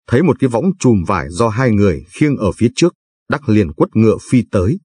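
A man narrating a novel as an audiobook in a measured, steady reading. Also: fairly low pitch, breathy edge, no echo.

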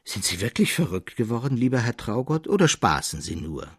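Proud wealthy young woman, cool and haughty, read by a man, husky tone. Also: medium pitch, very animated, brisk, dry recording, clean studio sound, pitched above the performer's own voice. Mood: mocking.

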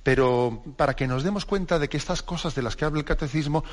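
Priest giving a chatty radio catechism talk. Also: male voice, fairly high pitch, fast talker. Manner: informal, keeps asking listeners "no?", hesitant fillers.

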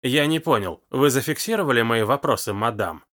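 A man's voice: medium pitch, animated, brisk, fairly bright tone, close to an everyday voice. A man voicing an irritable agent in charge who talks in a curt, officious tone, in an audiobook.

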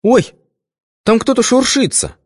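A man's voice: huge pitch swings, fairly quick, darkish tone, no room sound, clean studio sound, heavily acted. Svetka, a man doing a squealing giddy young woman. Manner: squealing, very high put-on voice. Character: giddy young woman, showy and easily startled.

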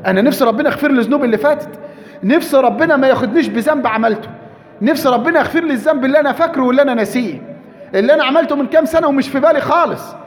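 A man with an Egyptian accent preaching a sermon, emphatic, repeating key phrases and slowing down to stress them. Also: very high-pitched, long reverb tail. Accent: Egyptian Arabic.

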